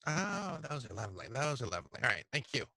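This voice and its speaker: A man with a bright, forceful voice plays a tabletop game over a video call, and his volume keeps dipping and surging as the connection chops. The sound is dry and close, and he talks in a halting way with frequent chuckles. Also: medium pitch, very animated, no echo. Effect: choppy call audio with uneven, dropping volume. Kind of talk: casual in-character play over a video call.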